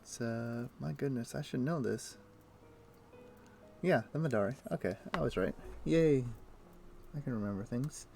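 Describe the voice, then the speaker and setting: Streaming a game, this man talks at a slightly slow pace in a medium-pitched, gravelly voice, leaving long pauses as he chats casually and muses aloud with many fillers. Faint, soft game music sits behind him.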